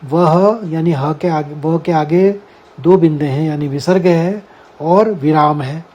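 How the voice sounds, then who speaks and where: Man, scripture teacher, unhurried careful delivery, soft mellow tone, lightly raised pitch. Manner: deliberate, addresses listeners as friends, sounds out Sanskrit syllables carefully. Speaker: Gita teacher. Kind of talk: slow explanatory lesson.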